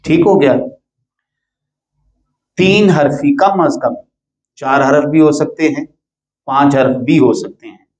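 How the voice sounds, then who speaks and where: A man's voice: on the high side, slow, long pauses, darkish tone, roomy sound, muffled recording. A man teaching Arabic grammar in a classroom, patiently repeating and drilling each word pattern for his students.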